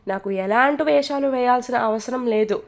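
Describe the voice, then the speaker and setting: A woman's voice: fairly high pitch, fairly quick, close to an everyday voice. A woman voicing a cocky, mocking young man. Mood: cutting. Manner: mocking, boastful.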